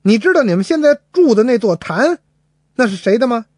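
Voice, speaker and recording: A man's voice: very high-pitched, very animated, a little fast, darkish tone, dry recording, clean studio sound, voice pushed up, full character voice. A man voicing a young male dragon villain who swaggers and bullies. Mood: taunting. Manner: swaggering, bullying.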